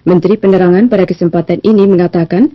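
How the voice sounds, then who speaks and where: A woman newsreader delivering a formal television news bulletin in a measured, even manner, heard as old 1980s broadcast sound. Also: fairly low pitch, dry recording. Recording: dull, lo-fi, dry archive broadcast audio.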